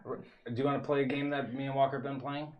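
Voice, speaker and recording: A man's voice: mid-range voice, slight background noise, lightly acted. A man playing a friendly young man at breakfast who offers juice and a game.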